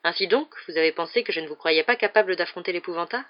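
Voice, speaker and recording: Audiobook: reader plays a kind teacher wizard, soft and measured, mid-pitched, slightly muffled sound. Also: lightly acted.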